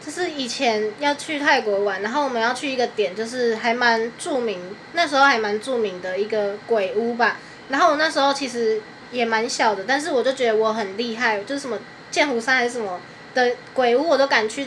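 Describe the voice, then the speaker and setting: A woman's voice: fairly high pitch, a bit bright. A young woman guesting on a podcast, chatting casually and laughing along. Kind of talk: casual chat. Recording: faint fan noise.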